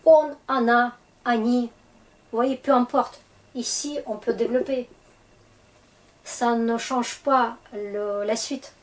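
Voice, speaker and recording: Slow, patient woman teaching a language. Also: a little high, fairly even intonation, poor audio. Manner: slow, patient explaining with frequent hesitations. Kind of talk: explaining grammar to French learners.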